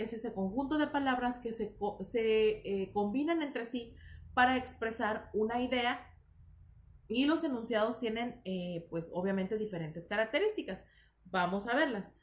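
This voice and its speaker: Lady teacher, kinda high voice, lots of fillers and self-corrections, echoey room sound. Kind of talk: recorded language lesson.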